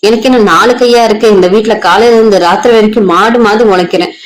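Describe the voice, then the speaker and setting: A woman's voice: medium pitch, quick pace, lightly acted. A woman voicing an overworked young daughter-in-law who talks back defiantly and passionately in a storybook retelling. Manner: defiant, impassioned.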